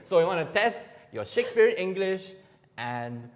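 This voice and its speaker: A man with a Singaporean accent hosting a casual, jokey chat in a playful, animated manner. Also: sits high, normal speed, slight background noise. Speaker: host. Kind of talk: casual, jokey interview chat with Singlish particles. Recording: echoey hall-like reverb, music behind.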